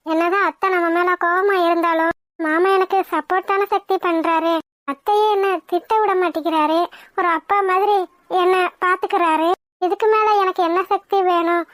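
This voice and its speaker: High, gentle young wife. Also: female voice, no echo. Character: young married woman, gentle and patient. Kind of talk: cartoon voice acting.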